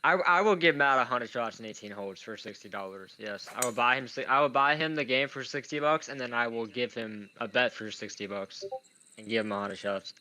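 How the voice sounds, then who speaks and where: A young man with a bright, forward voice at an ordinary male pitch and a speech impediment that turns his r into w. He commentates on his gaming in a loose, informal way, rambling and putting himself down. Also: brisk. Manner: informal, rambling, self-deprecating. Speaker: gamer commentating on own play. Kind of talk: casual live gaming commentary.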